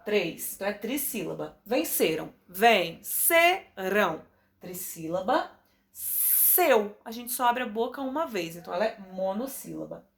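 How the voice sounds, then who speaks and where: Brazilian teacher stretching words for kids. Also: female voice, mid-range voice, very animated, gravelly. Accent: Brazilian Portuguese. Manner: drawn-out, stretching words to sound them out for children. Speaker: primary school teacher. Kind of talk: recorded remote class for children.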